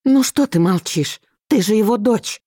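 A woman voicing a distraught middle-aged mother who pleads and reproaches in a shrill, wailing voice. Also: animated, measured pace, mellow, dry recording, clean studio sound. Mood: sobbing pleas.

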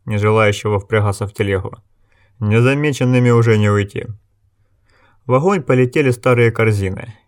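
A man's voice: medium pitch, no echo, clean studio sound. A man narrating an audiobook in a tense, dramatic style. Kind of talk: scripted narration.

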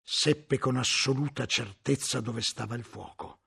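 A man narrating a novel as an audiobook, in a measured, dramatic storytelling manner with a gravelly, husky voice. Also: medium pitch, bright, forceful tone.

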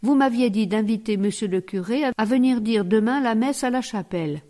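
A woman's voice: on the high side, moderate pace, mellow, close to an everyday voice. A woman reading the lines of a young male secretary who answers his mistress hesitantly and deferentially.

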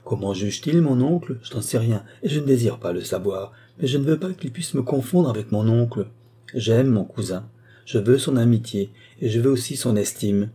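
A man's voice: mid-range voice, expressive, moderate pace, warm tone, husky. A man voicing a proud, principled young man who answers his mother firmly and earnestly. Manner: earnest, firm.

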